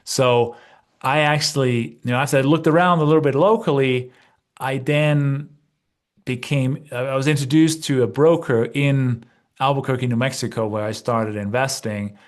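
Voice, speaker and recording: A Danish-born man in his fifties, a real estate investor and coach, chats easily as a guest in a casual interview, sprinkling in "you know" and "right?". His mid-range voice keeps fairly even intonation at a moderate pace.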